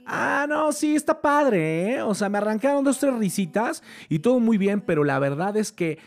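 A man's voice: high voice, animated, moderate pace, pitched above the performer's own voice. A man with a Mexican accent voicing a dismissive female talent scout who brushes off a show politely. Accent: Mexican Spanish. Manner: breezy, polite but dismissive.

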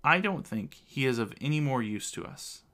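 A man voicing a fierce young male warrior who is quick to anger and speaks in an urgent, demanding way. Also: medium pitch, lively intonation, bright, forceful tone.

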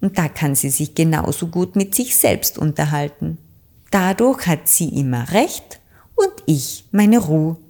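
A woman voicing a warm-hearted, fussy blackbird housewife who talks in a sing-song, repeating herself. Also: sits low, lively intonation, measured pace, heavily acted. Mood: firm.

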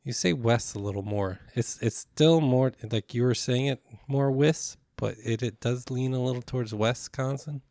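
A man's voice: mid-range voice, normal speed, few pauses, warm tone, no room sound. A man raised in Wisconsin after being born in Texas, co-hosting a podcast in a dry, matter-of-fact way. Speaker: podcast co-host. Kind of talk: casual chat.

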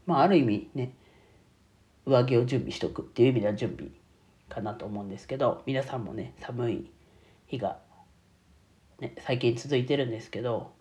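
A man's voice: medium pitch, a little mellow. A man with a nasal voice, congested from a cold, chatting casually to his listeners as a solo streamer. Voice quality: nasal, stuffy-nosed. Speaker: bookkeeping YouTuber and streamer.

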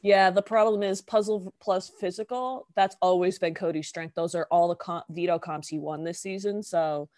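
A young adult woman co-hosting a podcast in casual, animated chat, swearing and laughing easily. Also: lowish voice, normal speed, hardly any pauses, no echo, clean studio sound. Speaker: podcast co-host.

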